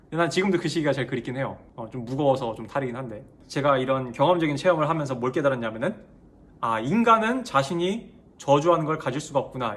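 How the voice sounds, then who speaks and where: Quick, slightly high-voiced man; animated, emphatic casual storyteller. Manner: animated, swings between polite and blunt speech, emphatic. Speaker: speaker sharing a personal story.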